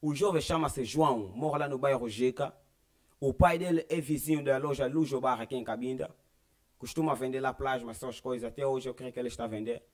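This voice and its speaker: A man's voice: medium pitch, brisk. Young man, Angolan Portuguese accent, earnest storytelling, church testimony. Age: young adult. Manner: earnest storytelling that acts out quoted dialogue. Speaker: church member giving testimony. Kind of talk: personal religious testimony.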